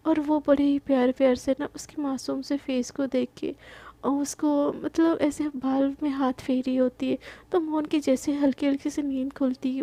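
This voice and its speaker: Brief: young woman storyteller, chatty and emphatic, dark mellow tone, flat delivery. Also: high voice, creaky, no room sound. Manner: chatty, emphatic, filler-heavy. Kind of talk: casual spoken story narration.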